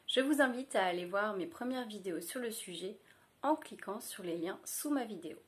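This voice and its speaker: A woman teaching a children's lesson, speaking deliberately and spelling out syllables and sounds one by one. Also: mid-range voice, rough recording. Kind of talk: slow, clearly articulated classroom lesson.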